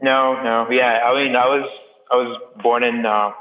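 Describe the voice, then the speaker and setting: A man's voice: mid-range voice, flat delivery, moderate pace. Young man from Sudan, phone-like echo. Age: young adult. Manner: hesitant, many restarts and fillers. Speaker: interview guest. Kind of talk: casual interview answers. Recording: echoey, phone-like audio.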